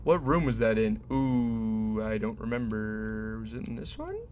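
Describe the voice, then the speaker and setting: A man's voice: fairly low pitch, animated, measured pace, a little mellow, a little hiss or hum. A man giving casual, jokey commentary to himself while he plays a horror game. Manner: chatty, jokey, muttering to himself. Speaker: gamer playing a horror game. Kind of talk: casual let's-play commentary.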